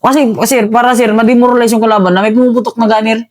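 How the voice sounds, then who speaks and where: A man, an army veteran, recounting combat in a casual interview, halting and calling the host "sir" again and again. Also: extremely high pitch, little pitch movement, no room sound.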